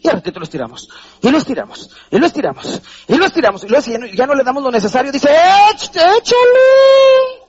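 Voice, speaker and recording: Animated Mexican man giving a seminar. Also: very high voice, rapid-fire, slightly rough, dull audio. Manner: animated, theatrical, acts out voices and questions the audience. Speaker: motivational speaker. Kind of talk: live motivational seminar talk. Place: seminar hall with seated audience.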